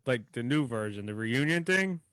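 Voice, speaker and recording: Bright-voiced man chiming in. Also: mid-range voice, animated, normal speed, clear, resonant tone, no echo. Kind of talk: casual video-call chat. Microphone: video call.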